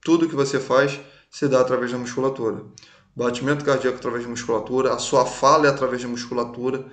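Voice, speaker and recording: A man's voice: mid-range voice, fairly even intonation, fast talker, a bit bright. A man teaching a recorded class in a casual way, often checking that students follow along. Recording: echoey room.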